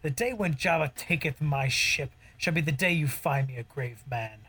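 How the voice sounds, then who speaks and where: A man's voice: on the high side, normal speed, bright, forceful tone, breathy edge. A man reading a cocky smuggler captain in an amateur Shakespearean table read, with wry verse.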